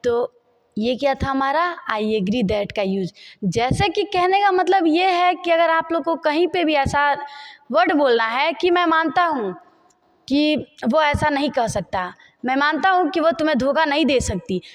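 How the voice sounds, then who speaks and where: A woman teaching spoken English in Hindi, repeating each phrase slowly while she writes out the examples. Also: sits high, lively intonation.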